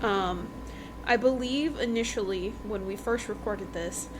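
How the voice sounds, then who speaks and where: Over some background noise, a female podcast host gives an informal, emphatic book review, chatting casually and repeating phrases for effect. She speaks a little slowly in a mid-range voice.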